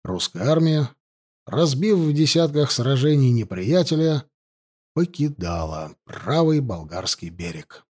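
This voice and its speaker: A man reading an audiobook in scripted narration, dramatic and slowing down for emphasis. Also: medium pitch, sing-song, a little mellow.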